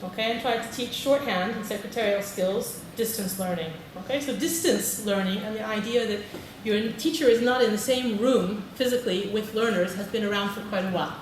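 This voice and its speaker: A mid-range voice, fairly quick and with hardly any pauses, belongs to a British woman, a teacher trainer presenting at a conference. Friendly and fond of "okay," she polls the audience. The large hall gives an echoey, noisy recording from a distant mic.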